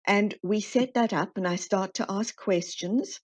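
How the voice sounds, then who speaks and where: A woman guest in an interview, explaining her work in a lively way and acting out the dialogue she quotes. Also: medium pitch, measured pace. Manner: animated, acts out quoted dialogue. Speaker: guest, constellation facilitator. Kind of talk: conversational interview storytelling. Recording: slightly dull, muffled audio.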